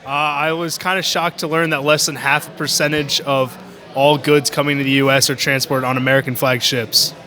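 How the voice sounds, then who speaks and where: A young man from New York answering interview questions as a cadet in a relaxed, casual way. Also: medium pitch, moderate pace. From New Paltz, New York. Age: young adult. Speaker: college cadet.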